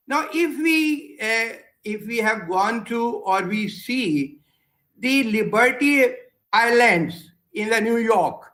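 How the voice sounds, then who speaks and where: This is an Indian English-speaking man lecturing at a webinar over a video call. His voice sits very high and sounds bright, and he moves at an unhurried pace. He keeps repeating his key words as he builds each point. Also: low-quality recording. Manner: slow, repetitive lecturing, circling back to key words. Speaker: guest speaker, senior advocate.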